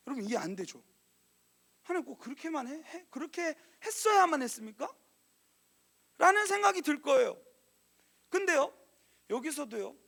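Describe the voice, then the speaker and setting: A man preaching a sermon as a youth pastor. He tells the story in a conversational, animated way and speaks to the congregation directly. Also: creaky. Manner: animated storytelling, acting out quoted lines in a hushed lower voice.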